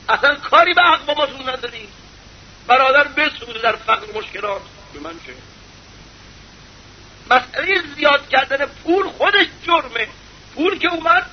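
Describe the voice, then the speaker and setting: A male preacher giving an impassioned sermon full of rhetorical questions, sometimes breaking into shouts. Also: very high-pitched. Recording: slightly muffled with faint hiss.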